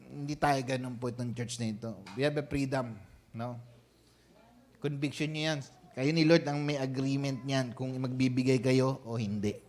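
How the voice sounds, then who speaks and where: A man with a Filipino accent preaches like he is chatting with his church. He often turns to the people with quick check-in questions. His voice sits at a middle pitch for a man. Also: steady tone, a little mellow. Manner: conversational preaching, frequent tag questions. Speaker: senior pastor. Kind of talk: sermon.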